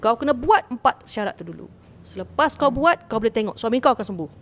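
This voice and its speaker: A woman's voice: fairly high pitch, big pitch swings, quick pace, voice pushed up. A woman putting on a furious, boastful jinn king. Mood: stern. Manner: boastful, threatening, commanding.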